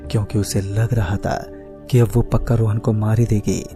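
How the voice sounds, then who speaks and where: A man's voice: lowish voice, flat delivery, moderate pace. A man narrating a scripted horror story as a storyteller. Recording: faint music bed under the voice. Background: faint background music.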